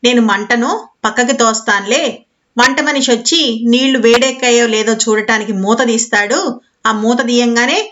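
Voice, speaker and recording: A woman voicing the wind, gently chiding a goat kid and telling it how to escape, in a storybook reading. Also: fairly high pitch, steady tone, moderate pace, highs cut off, close to an everyday voice. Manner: gently chiding, giving a plan. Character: kindly talking wind, lecturing then helping.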